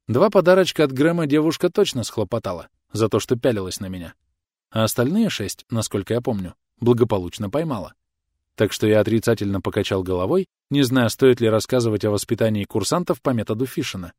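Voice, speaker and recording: A man's voice: mid-range voice, expressive, fairly quick, darkish tone, dry recording, studio quality. A man narrating a story in first person, with a wry, conversational manner. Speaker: audiobook narrator.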